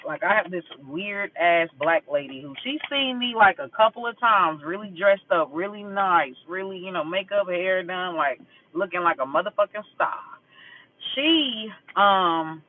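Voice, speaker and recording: A man with a high voice rants bluntly in a casual vlog, swearing freely as he vents and then reads tarot cards. The sound is thin and tinny, like audio heard through a phone line. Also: expressive, measured pace. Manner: blunt, profane and emphatic, venting about a grudge. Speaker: vlogger doing a tarot reading.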